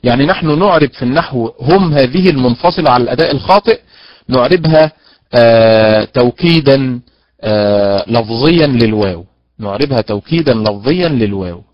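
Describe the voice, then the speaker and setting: A man teaching Quran recitation online, slowly drawing out recited examples between quick explanations. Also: mid-range voice, expressive, no echo. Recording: dull lo-fi dry online audio.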